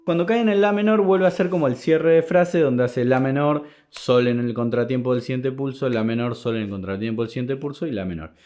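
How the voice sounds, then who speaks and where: A man's voice: medium pitch, fairly even intonation, brisk, hardly any pauses, darkish tone. A man teaching a step-by-step charango lesson, counting beats aloud and singing the rhythm as he explains. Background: plucked charango.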